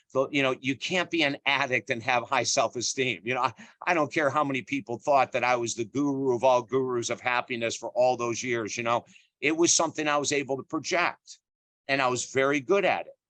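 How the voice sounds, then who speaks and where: A man's voice: mid-range voice, fairly bright tone, dry recording. A middle-aged man, an author speaking as an interview guest, talking emphatically and earnestly with lots of "you know" fillers and repeated phrases. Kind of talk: conversational interview.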